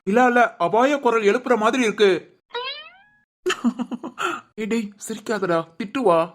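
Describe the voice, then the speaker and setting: Man voicing a cheeky cartoon husband, a touch high, always ribbing his wife. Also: fairly quick, natural voice. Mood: teasing. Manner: joking, teasing. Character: teasing young husband in a cartoon family comedy. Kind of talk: cartoon voice acting.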